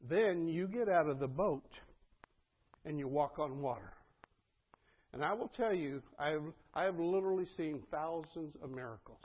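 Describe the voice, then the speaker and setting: A man's voice: on the high side, moderate pace, phone-quality sound. A man preaching a sermon as pastor, earnest and conversational, often turning to the congregation with asides.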